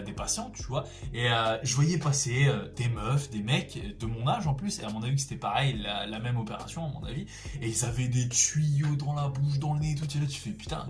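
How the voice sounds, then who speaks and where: A young man chatting casually through a personal story, slangy and expressive, exclaiming for emphasis. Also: mid-range voice. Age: young adult. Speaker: storytelling vlogger.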